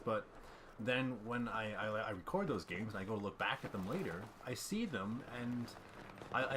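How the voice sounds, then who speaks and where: This young man's mid-range voice carries loose, self-deprecating narration over his gameplay as he fights off a cough. Behind him, gunfire and ambience from the game come through clearly as background noise.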